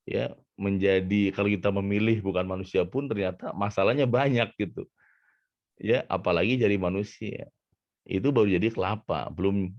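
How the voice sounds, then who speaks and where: A man who is a motivational coach, telling a story in an animated way during a talk. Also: sits low, no room sound. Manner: animated, acts out voices in his story. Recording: dull, muffled sound.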